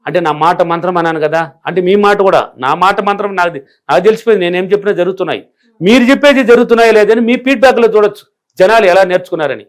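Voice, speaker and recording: A man's voice: high-pitched, rapid-fire. A middle-aged man from a rural village, answering interview questions as a spiritual teacher in an emphatic, repetitive way that drives each point home. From rural India.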